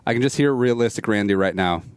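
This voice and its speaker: A man's voice: fairly low pitch, quick pace, clear, resonant tone, no echo. A man hosting a casual sports talk show, joking and sarcastic. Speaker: sports radio host.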